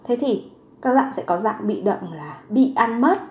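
A woman teaching a grammar lesson to learners. She is patient and says each word slowly more than once. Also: fairly high pitch, lively intonation, darkish tone, roomy sound. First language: Vietnamese. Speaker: Korean language teacher.

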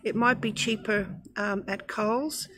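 Slow-talking Australian woman, budget vlog. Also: medium pitch, steady tone, a bit bright, slight background noise. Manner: chatty and thrifty, listing items with frequent ums. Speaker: vlogger. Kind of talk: grocery haul vlog. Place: discount shop aisle, then at home over groceries.

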